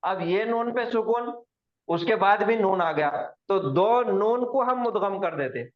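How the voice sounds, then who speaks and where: Male teacher on a video call, high-pitched, slow drills and quiz questions, lo-fi audio. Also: animated. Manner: slow, repeats words for students to echo and quizzes them. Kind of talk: online Quranic Arabic recitation lesson. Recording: dull lo-fi online class audio.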